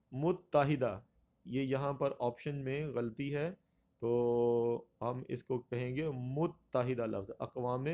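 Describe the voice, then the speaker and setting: A man's voice: mid-range voice, darkish tone. A male Urdu teacher going through exam multiple-choice answers, repeating and stretching words to drill their pronunciation while addressing students formally. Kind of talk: exam-prep grammar lecture.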